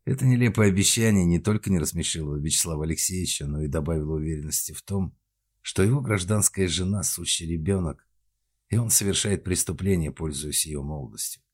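A man narrating an audiobook in a steady, measured reading. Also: low-pitched, slightly rough.

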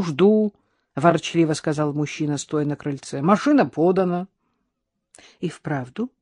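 Audiobook narrator: woman, wry and lively, close dry read. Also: deep voice, no echo. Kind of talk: first-person audiobook narration.

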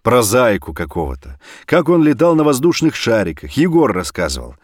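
A man voicing a desperate middle-aged father who pleads and shouts down a phone. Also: mid-range voice, huge pitch swings, normal speed, dry recording, studio quality, voice pushed up. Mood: agitated.

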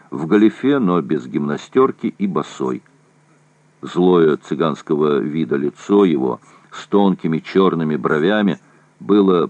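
A man narrating a war novel in a steady, even reading. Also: deep voice, dry recording, lo-fi sound. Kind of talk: audiobook reading of war prose.

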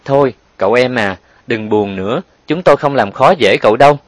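A man reading an audiobook and voicing a poor, gentle old mother in a wheelchair, kindly and gently scolding. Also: medium pitch, brisk, no room sound, lightly acted. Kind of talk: audiobook character voice.

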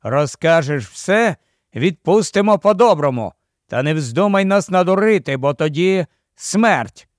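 A man voicing a noble young prince in an audiobook, giving firm, measured commands. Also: on the high side, animated, dry recording, studio quality. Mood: commanding.

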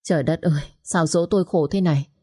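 A woman voicing a domineering older mother-in-law who scolds and hurls insults in quick bursts. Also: mid-range voice, animated, a little mellow, close to an everyday voice. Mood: bitter, complaining.

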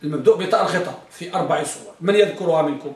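High-voiced male teacher in an echoey classroom. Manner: dictates slowly, repeats phrases and quizzes students. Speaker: Arabic grammar teacher. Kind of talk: classroom lesson. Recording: echoey room from far off.

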